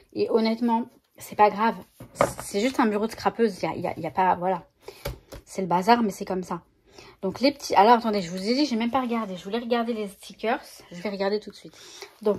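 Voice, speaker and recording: A woman's voice: medium pitch, darkish tone. A woman chatting casually to her viewers as a scrapbooking vlogger, showing new stickers and often correcting herself mid-sentence. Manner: chatty, self-correcting, talks to viewers while handling stickers. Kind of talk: casual haul video chat.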